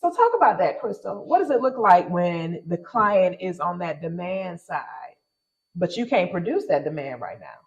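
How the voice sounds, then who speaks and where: A woman's voice: on the low side, big pitch swings, normal speed, rough recording. A woman from Detroit hosting a casual panel talk, emphatic and encouraging with many affirmations. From Detroit, Michigan. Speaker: host.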